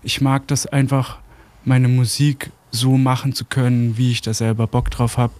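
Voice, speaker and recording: A man's voice: medium pitch, little pitch movement, normal speed, a little mellow. A young man from the Karlsruhe area, a musician guest talking casually and slangily in a radio studio. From Karlsruhe area, Germany.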